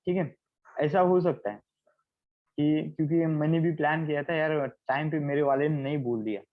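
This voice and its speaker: A man with a fairly high voice teaches a healing class to students on a video call. He explains through acted everyday examples and keeps asking whether they follow. The sound is dull and lo-fi, the way call audio often is. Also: steady tone, moderate pace. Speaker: healing trainer. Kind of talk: online class lecture.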